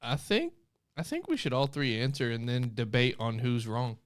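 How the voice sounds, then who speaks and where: A man's voice: mid-range voice, wildly swooping pitch, moderate pace. A man co-hosting a casual talk show, telling a family story and laughing often as he acts out the quotes. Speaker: podcast co-host.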